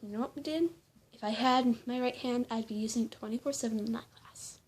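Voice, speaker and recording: A woman's voice: a little high, fairly even intonation, brisk, darkish tone, a little hiss or hum. A teenage girl telling a rambling, indignant story in a casual vlog. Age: teens. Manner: rambling, indignant, with quoted exchanges. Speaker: vlogger.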